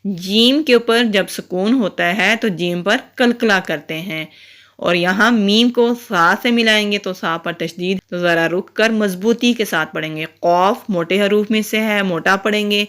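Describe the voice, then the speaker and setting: Woman, Urdu accent, Quran reading teacher, careful slow spelling, brisker explaining, crisp clear voice. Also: medium pitch, fairly bright tone. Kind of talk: spelled-out recitation lesson.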